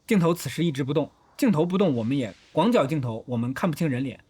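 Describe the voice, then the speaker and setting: Fast-talking husky man breaking down films. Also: on the high side, expressive, a little mellow. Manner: methodical, talks through each shot step by step. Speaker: film analysis host. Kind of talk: explanatory film breakdown narration.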